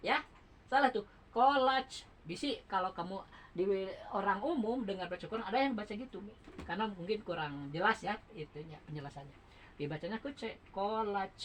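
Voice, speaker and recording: A woman teaching Quran recitation rules in a relaxed home lesson, patiently spelling out letters and counting beats aloud. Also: mid-range voice, a little fast, a little hiss or hum, rough recording.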